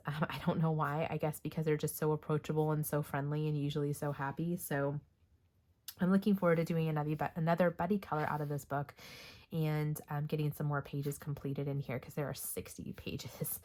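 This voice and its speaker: A woman's voice: low voice, darkish tone. A woman with a Texas accent chatting casually about her coloring pages, rambling with lots of ums and coughing now and then while she recovers from being sick. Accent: Texan. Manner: rambling, filler-heavy with frequent ums. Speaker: coloring book vlogger. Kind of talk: casual show-and-tell chat.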